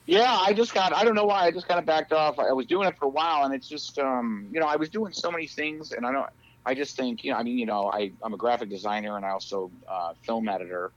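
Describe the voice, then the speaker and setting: A man's voice: mid-range voice, fast talker. A man chatting casually as a podcast guest, rambling with lots of fillers and frequent laughs, heard over a phone call. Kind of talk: casual chat. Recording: muffled lo-fi audio.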